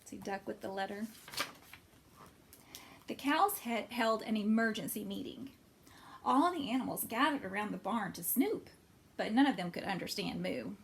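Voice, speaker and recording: At a children's storytime, a woman reads a storybook aloud with animation, explains things simply, talks about crafts and asks the young listeners questions. Her mid-range voice is expressive, with vocal fry and long pauses, and she keeps a moderate pace.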